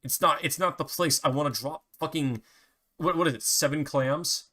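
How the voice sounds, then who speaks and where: Ranting, profane young man with a bright voice. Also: a little high, normal speed. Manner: profane, rambling rant with many restarts. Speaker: vlogger. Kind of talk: casual ranting monologue.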